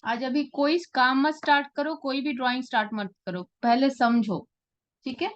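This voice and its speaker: A woman's voice: sits high, moderate pace, lo-fi sound. A woman teaching a live portrait-drawing class, explaining patiently and often checking that her students follow. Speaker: art teacher.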